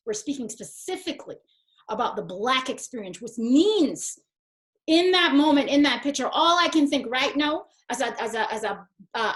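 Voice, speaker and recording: A woman with a slightly raised pitch hosts a campus event. She reflects aloud in a searching, halting way, restarting phrases and filling gaps before moving into a formal introduction. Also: rough recording. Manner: thoughtful, searching for words, frequent restarts and fillers. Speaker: event moderator. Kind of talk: discussion remarks and reading a speaker's bio.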